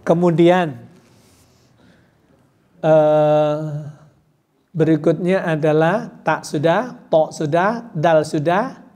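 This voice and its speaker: A man teaching Quran pronunciation in a mosque hall, demonstrating letter sounds slowly and counting the class in before each repetition. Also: on the high side, darkish tone. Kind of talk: tajwid pronunciation lesson in a mosque study circle.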